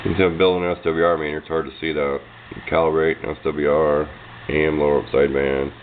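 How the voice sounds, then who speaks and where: A hobbyist presenting a radio demonstration gives a casual, hands-on explanation in folksy, informal speech, rambling as he goes. His voice is extremely low with little pitch movement and a fairly quick pace. The amateur camera audio is noisy and muffled.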